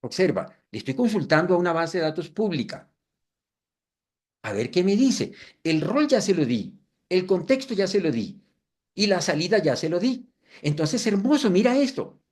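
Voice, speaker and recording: This high-pitched presenter in his fifties moves at a moderate pace through a live webinar demonstration. He keeps things lively by throwing rhetorical questions to viewers and adding self-deprecating remarks.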